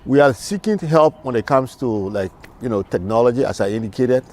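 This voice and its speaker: A man from Liberia, a math instructor speaking in an interview in a measured way with frequent fillers. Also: medium pitch, lively intonation, darkish tone.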